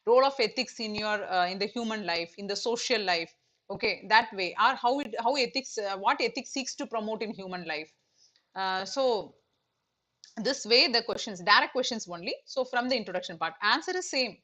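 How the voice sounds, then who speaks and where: A woman's voice: medium pitch, animated, moderate pace, bright, forceful tone. A middle-aged woman teaching an online exam-prep lecture, explaining with many fillers and repeated "okay".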